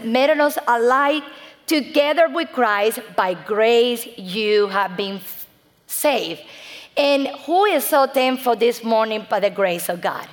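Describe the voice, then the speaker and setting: A middle-aged woman from Cuba with a Cuban Spanish accent, a native Spanish speaker giving an earnest church testimony, reading scripture and calling for amens. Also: a little high. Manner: earnest, preaching, reads scripture aloud, calls out amen to the audience. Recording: long reverb in a large hall.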